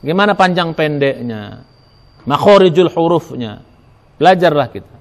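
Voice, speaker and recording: Animated high-voiced preacher in a mosque. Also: male voice, normal speed. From Indonesia. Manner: emphatic, spells out Arabic letters and sounds; asks and answers his own questions. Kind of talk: Ramadan sermon.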